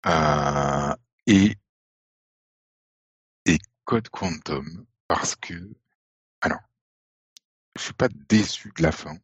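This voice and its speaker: Super deep raspy guy cohosting a stream, blunt and chill, muffled mic. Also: expressive, drawn-out words, long pauses, no room sound. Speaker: podcast co-host. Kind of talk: casual live-stream chat. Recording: dull lo-fi mic.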